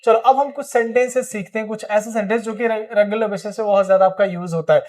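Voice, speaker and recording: A man's voice: high voice, steady tone, quick pace, a little mellow. A man with an Indian accent teaching spoken English, explaining in Hindi and prompting viewers to repeat phrases. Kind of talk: energetic classroom-style lesson.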